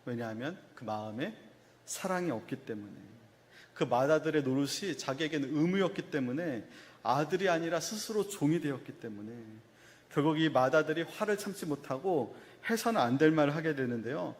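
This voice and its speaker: A man, a pastor, preaching a sermon. He asks the congregation questions and answers them himself, and gently acts out a father's words to his son. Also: a little high, animated, moderate pace, big-room sound. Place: church sanctuary.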